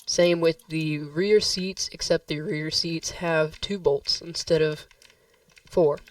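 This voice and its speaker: A man's voice: on the high side, steady tone, takes it slowly, no room sound, far from the mic. A man hosting a casual gameplay tutorial, rambling and correcting himself as he talks to viewers, his voice a little worn. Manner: rambling, self-correcting, addresses viewers as guys. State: slightly losing his voice. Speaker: gaming tutorial host.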